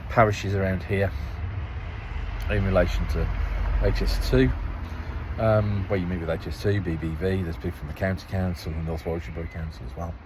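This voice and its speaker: A man's voice: low-pitched, steady tone, a little fast, noisy background. Rambling male councillor outdoors. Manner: rambling, repeats and restarts phrases. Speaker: local parish councillor. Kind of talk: casual spoken account.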